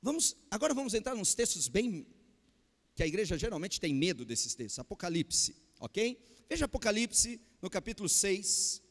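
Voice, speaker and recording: Man, Brazilian Portuguese accent, preacher, Sunday sermon, high voice, very lively pitch, calls questions to the congregation, long church reverb. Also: normal speed. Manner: calls out to the congregation with repeated questions, swings between loud and hushed. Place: church hall.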